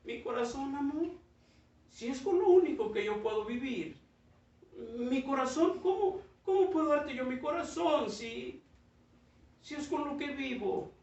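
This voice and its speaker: A man voicing an eager, devoted bamboo plant that pleads in a high, earnest voice. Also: big pitch swings, slow, distant mic, exaggerated voice. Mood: suplicante. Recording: echoey dull church sound from afar.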